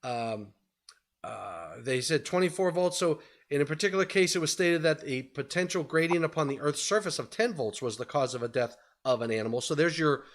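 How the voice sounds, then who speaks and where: A man's voice: on the high side, lively intonation, brisk. A man in his fifties giving a conversational webinar presentation over a video call from a home study, with many fillers.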